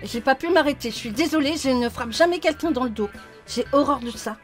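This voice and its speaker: A woman's voice: high voice, fairly quick, soft background music, close to an everyday voice. A woman voicing a tipsy, giggly female biker boxer in an improvised game role-play, with a lisp that turns s into sh. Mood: apologetic, tipsy. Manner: lisps, saying sh-like sounds for s.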